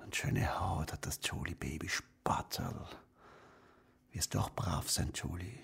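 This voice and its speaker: A gravelly pimp. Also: male voice, low-pitched, slow, in a whisper, full character voice. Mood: wheedling. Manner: wheedling then barking, domineering. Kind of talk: radio drama acting.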